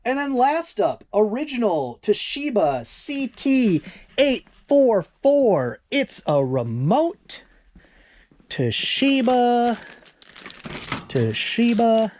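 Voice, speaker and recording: An eBay reseller from Northern Michigan, with the accent to match, chats casually on a vlog, rambling and correcting themselves with quick asides. The voice is medium-pitched, sing-song and a little mellow.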